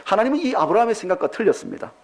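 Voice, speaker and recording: Male pastor, sermon, lively swooping pitch, rhetorical questions. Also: rapid-fire. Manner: animated, many rhetorical questions to the congregation.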